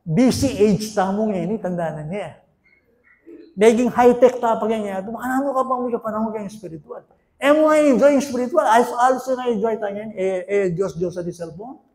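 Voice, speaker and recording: High-voiced Filipino pastor preaching in an echoey room. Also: male voice, normal speed. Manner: preaching in Tagalog mixed with English, shifts from loud questions to hushed lines. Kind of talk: sermon. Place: church.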